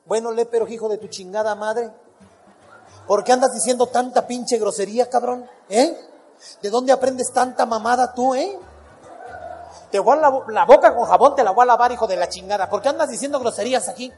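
A man's voice: high-pitched, expressive, slow, mellow, husky, long reverb tail, faint music behind, voice pushed down, full character voice. A man doing a foul-mouthed scolding mother. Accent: Mexican. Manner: crude, bossy, swearing.

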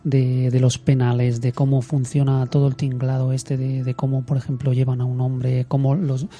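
Very dark-voiced interviewer man. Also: medium pitch, completely flat delivery. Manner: halting questions with many restarts. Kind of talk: casual interview.

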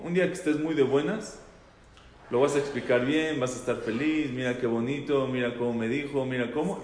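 A man's voice: a little high, darkish tone. Man teaching in an echoey hall. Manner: conversational, repeats phrases for emphasis, asks listeners questions. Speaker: rabbi teaching a class. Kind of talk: informal Torah talk to a group. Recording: echoey hall with long reverb.

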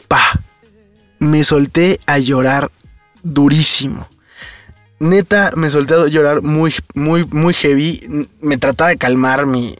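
A podcast host with a Mexican Spanish accent spins a story in loose, profane slang. His voice sits a little high for a man, and the sound is close and dry. Soft music plays faintly behind him. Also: no echo. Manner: slangy, swears freely, animated storyteller.

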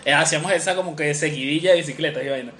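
A man's voice: fairly high pitch, rapid-fire, fairly bright tone, slight background noise. A young man, co-hosting a podcast and telling rambling childhood stories in casual chat. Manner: rambling, many fillers and restarts. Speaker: podcast co-host.

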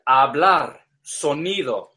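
A man with a fairly high voice speaks very slowly, lecturing with a foreign speaker's care. He hesitates, repeats single words and gropes for vocabulary mid-sentence. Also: lively intonation, bright, forceful tone. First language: English. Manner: halting, repeats words, searches for Spanish words. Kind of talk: slow explanatory lecture.

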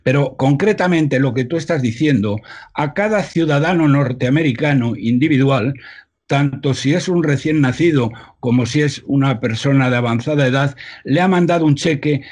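Husky man, emphatic guest. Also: medium pitch, darkish tone. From Spain. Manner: emphatic, many filler "eh"s, slows down for figures. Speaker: interview guest. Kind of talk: remote interview commentary. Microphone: computer mic on a video call. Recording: hum leaking into computer mic.

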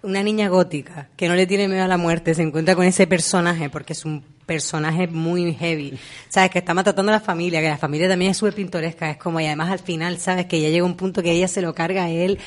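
A woman's voice: fairly low pitch, steady tone, fast talker. A woman, co-hosting a podcast, talking in a chatty way and laughing often. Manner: chatty, laughs often, says ¿sabes? a lot. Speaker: podcast co-host. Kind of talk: casual chat.

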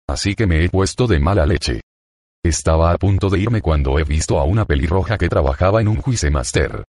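Deep husky man narrating a book. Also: darkish tone, dry recording, clean studio sound. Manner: colloquial, swearing storyteller. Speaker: audiobook reader. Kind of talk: first-person book narration.

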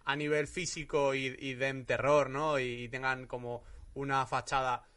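A man's voice: medium pitch, little pitch movement, normal speed, fairly bright tone. A man from co-hosting a comedy podcast, chatting in a laid-back way with wry asides. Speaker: podcast co-host.

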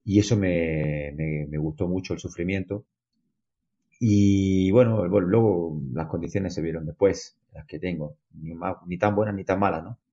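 A Spanish man from Granada, a mountain runner and mountaineer, telling his story in an interview with a Spanish accent tinged by Argentina, rambling with many restarts, his voice swinging between loud and quiet. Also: deep voice, normal speed, dull audio. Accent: Spanish from Granada with a slight Argentine mix. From Spain.

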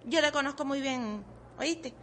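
An actress playing a defiant, sharp-tongued teenage girl who answers back. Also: high-pitched, a little slow, a little hiss or hum. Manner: cheeky, retorting, defiant.

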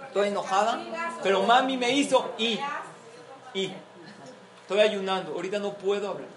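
A woman's voice: medium pitch, moderate pace, crowd noise. A middle-aged woman giving a parenting talk to a group of mothers, explaining points and acting out example quotes. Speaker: parenting class speaker.

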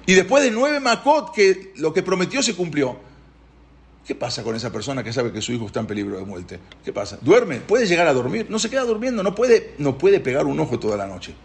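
A man's voice: on the high side, sing-song, a little fast, vocal fry. A man teaching a Torah lesson, telling the story dramatically and asking his listeners questions.

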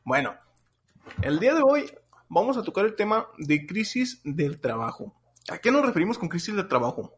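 A man's voice: high voice, very animated, normal speed, slight background noise. A young adult man with a Mexican accent hosting a podcast in a casual, chatty style. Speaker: podcast host.

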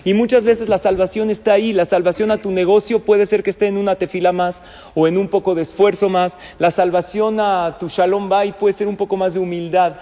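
A man's voice: sits high, fairly even intonation, a little fast, warm tone, long reverb tail. A man giving a sermon as a rabbi, telling stories and asking the listeners questions. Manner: storytelling with jokes and questions to the listeners. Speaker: rabbi and lecturer.

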